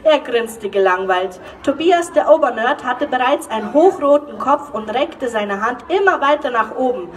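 A woman's voice: high voice, moderate pace, hardly any pauses, far from the mic, a little hiss or hum. A woman author giving a live reading from her romance novel, reading with energy and breaking into laughter. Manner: lively reading with bursts of laughter. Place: event hall.

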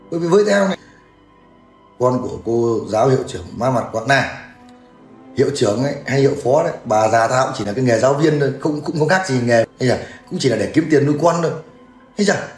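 A man, ranting crudely and mockingly in a livestream. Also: medium pitch. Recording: echoey room with faint music.

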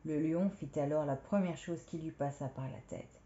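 A woman reads a children's story aloud to young children with expressive delivery. Her voice is mellow and middle in pitch. The recording is roomy and somewhat lo-fi. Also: moderate pace. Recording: roomy, dull lo-fi.

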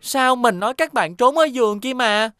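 A woman dubs a cartoon, voicing a playful, careless young boy who chatters eagerly and excitably. Her voice is a little high and she speaks at normal speed, with a dry, clean studio sound.

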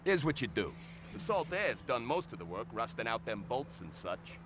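An actor playing a greedy, pushy worker in a video game, brash and wisecracking. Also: male voice, mid-range voice, very animated, normal speed, background noise, lightly acted. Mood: brash scheming. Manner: brash wisecracking streetwise talk. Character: greedy blue-collar male worker, pushy schemer.

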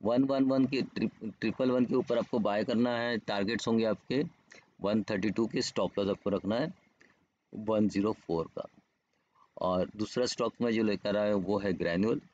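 In a voice-over on a screen recording, a stock trading educator and host walks through charts informally, explaining the markets and often checking in with listeners. He speaks at a moderate pace in a steady, somewhat mellow, low-ish voice, and the lo-fi audio is dull and muffled with slight background noise.

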